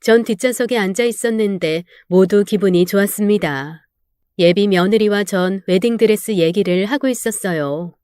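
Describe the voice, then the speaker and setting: A woman's voice: medium pitch, normal speed, a little mellow, clean tone, no room sound, clean studio sound. A woman narrating a real-life story in the first person, with an emotional, dramatic delivery.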